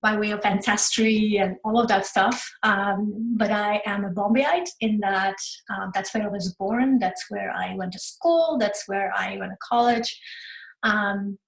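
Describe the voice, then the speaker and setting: A woman's voice: mid-range voice, measured pace, creaky, reverberant, poor audio. A woman in her thirties from India, hosting a casual webinar from her home study in a chatty way with frequent ums. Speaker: webinar host, photographer.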